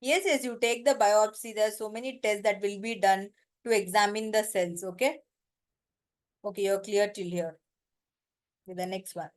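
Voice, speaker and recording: A woman's voice: medium pitch, fairly even intonation, normal speed, pauses often. A woman with an Indian accent giving an informal lecture, explaining step by step and often checking that students follow.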